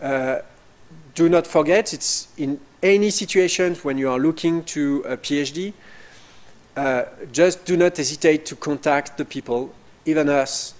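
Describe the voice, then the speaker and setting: A man with as his presenting a doctoral program at an information session, halting with frequent fillers. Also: on the high side. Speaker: program director.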